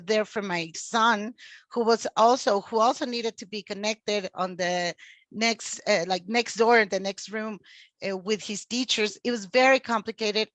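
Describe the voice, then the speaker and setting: A woman's voice: mid-range voice, fairly bright tone, dry recording. A woman in her forties from Mexico, a teacher talking as a podcast guest, chatty with many fillers and restarts. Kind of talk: casual interview talk.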